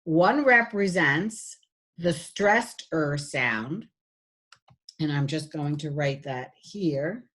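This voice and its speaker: A woman's voice: sits low, expressive, very slow, a bit bright. A woman giving a recorded phonetics lecture, patiently demonstrating sounds while sharing her screen. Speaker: phonetics instructor.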